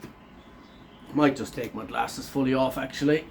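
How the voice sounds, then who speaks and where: Kiwi guy reviewing food, laid back, hoarse swollen-throat voice, sounds run down, bit of noise behind him. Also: medium pitch, fairly even intonation, unhurried. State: sore throat, thick hoarse voice; run down after a chest infection. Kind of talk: casual chat to camera.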